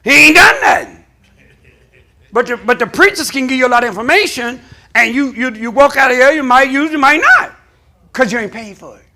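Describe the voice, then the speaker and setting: A male pastor preaching a sermon to his congregation, calling for responses and climbing into shouts. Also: very high voice, lively intonation, fairly quick. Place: church sanctuary.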